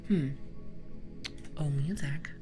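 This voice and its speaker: A young woman from Portugal chatting playfully with viewers in a soft, mostly unvoiced ASMR whisper. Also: deep voice, very slow. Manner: playful, teasing chat with viewers. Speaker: ASMR streamer. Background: soft background music.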